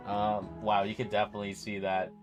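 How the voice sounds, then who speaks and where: A man's voice: fairly low pitch, monotone, brisk. Joking, profane young man reacting to a game. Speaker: gaming video creator. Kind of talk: casual gameplay reaction commentary. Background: game music.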